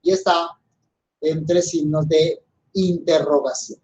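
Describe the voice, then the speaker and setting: Slow, measured Colombian grammar teacher. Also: mid-range voice, big pitch swings, gravelly, a little mellow, muffled recording. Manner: measured, explains step by step to students. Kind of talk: recorded grammar lesson.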